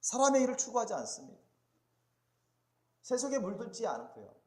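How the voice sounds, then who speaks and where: A man, a pastor, preaching a sermon to his congregation. He asks them questions and calls for responses, swinging between loud emphatic peaks and quiet low asides. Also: sing-song, fairly quick. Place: church sanctuary. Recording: echoey church sanctuary.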